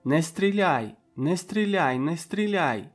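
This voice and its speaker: A man voicing a desperate, frightened captive man who shouts and pleads in panic, in an audiobook reading. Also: mid-range voice, sing-song, unhurried, soft background music. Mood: panicked.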